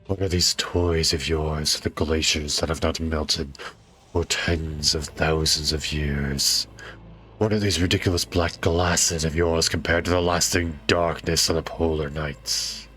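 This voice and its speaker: A man voicing an ancient, solemn male wolf lord who speaks slowly and quietly in a low, grave tone. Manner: slow, low, grave and hushed. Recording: faint music behind.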